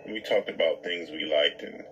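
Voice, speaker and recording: A man reading a scripted horror story in a calm, even storytelling manner. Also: a bass voice, normal speed, lo-fi sound. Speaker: story narrator. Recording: narration with background music. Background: music.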